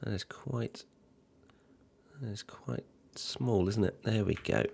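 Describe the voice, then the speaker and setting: A man with a slightly deep voice hosts a live motorsport stream. He commentates casually, narrates what he is doing as he goes and teases drily. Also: slow pace, creaky, darkish tone. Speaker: livestream host and motorsport commentator.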